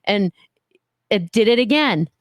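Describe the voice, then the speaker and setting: A woman co-hosts a podcast in easy, casual talk. She tells stories with energy, and her voice jumps up high when she acts out what people said. The close, dry studio sound keeps every word clear. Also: measured pace, no echo, muffled recording. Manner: animated storyteller acting out quotes. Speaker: podcast co-host. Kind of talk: casual chat.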